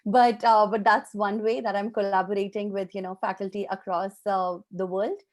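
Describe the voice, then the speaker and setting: A woman's voice: medium pitch, flat delivery, normal speed. Woman from India, professor panelist on a video call; courteous, filler-heavy delivery. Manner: polite, many fillers. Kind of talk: conversational panel remarks.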